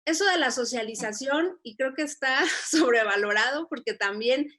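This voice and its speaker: A woman's voice: high voice, animated, normal speed, bright, forceful tone. A woman, co-hosting an interview and speaking in an earnest, reflective way. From Mexico. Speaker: co-host. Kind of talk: conversational interview.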